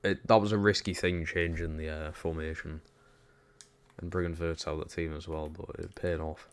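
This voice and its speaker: A man's voice: extremely low pitch, little pitch movement, normal speed, clear, resonant tone. A young man with a Geordie accent, chatting casually over a football game while streaming and reading chat. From Newcastle, England. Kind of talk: casual gaming stream commentary.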